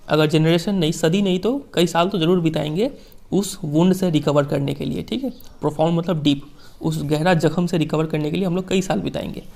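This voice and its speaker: Indian guy teaching a class, bit higher voice with some gravel, reads slow then explains chatty. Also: darkish tone. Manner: reads English lines slowly, explains in chatty Hindi, repeats "ठीक है". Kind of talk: Hindi-English class lecture explaining a text.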